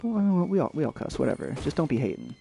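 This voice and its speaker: A man's voice: on the high side, wildly swooping pitch, rapid-fire, creaky, mellow, soft background music. A young adult man streaming a video game, chatting casually and rambling with lots of fillers and restarts. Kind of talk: casual let's-play chat.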